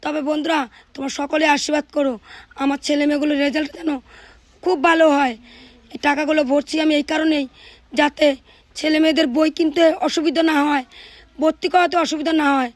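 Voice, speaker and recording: Chatty high-voiced mother addressing viewers. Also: fairly even intonation, normal speed, dry recording. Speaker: vlogger, mother of three. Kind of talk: casual household vlog narration.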